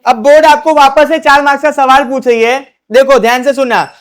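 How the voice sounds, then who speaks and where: High-voiced male teacher drilling students. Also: fairly even intonation, a little fast. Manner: asks questions and answers them himself; repetitive, drilling. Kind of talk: board exam class lesson.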